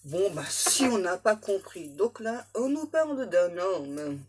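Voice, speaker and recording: A woman's voice: medium pitch, very animated, slow pace, slight background noise. A woman tarot medium giving a casual reading, playful and slangy, with joking asides to her spirit guides.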